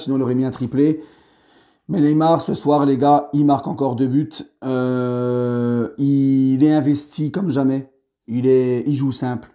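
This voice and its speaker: A man with a hoarse voice giving a heated post-match debrief as a football fan, animated and swearing freely. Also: medium pitch. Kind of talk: post-match vlog rant.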